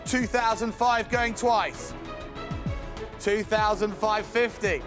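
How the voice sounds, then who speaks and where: A man working as an auctioneer, calling bids at a live auction and repeating prices in a steady chant. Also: high-pitched, slow pace. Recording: background music under the voice.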